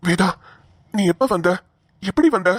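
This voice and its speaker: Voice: medium pitch, animated, unhurried, husky, dry recording. A voice actor playing an earnest, principled young husband in a cartoon, speaking colloquial Tamil Nadu Tamil. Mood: firm. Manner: earnest, questioning, firm.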